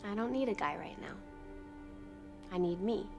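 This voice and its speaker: A woman's voice: medium pitch, lively intonation, moderate pace, gravelly. An actress playing a young female vampire slayer in a TV drama, speaking plainly and directly. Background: TV score music.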